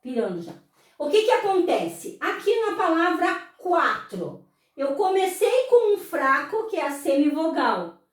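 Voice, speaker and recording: A woman teacher with a Brazilian Portuguese accent, explaining slowly, drawing words out and answering her own questions. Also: sits high, sing-song. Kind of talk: slow explanatory lesson. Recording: very echoey room, voice far from mic.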